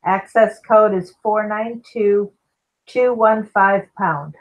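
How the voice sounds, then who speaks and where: A woman's voice: medium pitch, fairly even intonation, slow pace, low-quality recording. A woman co-hosting by phone, steadily reading out numbers and notices over buzzy, glitchy call audio that keeps cutting out. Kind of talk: casual talk-show announcements.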